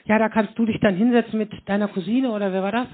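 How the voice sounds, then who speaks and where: A man's voice: sits high, fairly even intonation, quick pace. A man hosting a live podcast on stage, talking in a rambling, chatty way and tagging his sentences with "ne?". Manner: rambling, constant tag questions "ne?". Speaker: host of a live podcast show. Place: hall with a live audience. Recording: muffled phone-like live recording.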